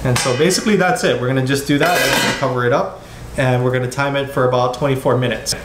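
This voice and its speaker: In a home kitchen with echoey acoustics and background noise, a Hawaiian man from the US walks through a recipe in a relaxed demo. He speaks at a medium pitch, steady and quick.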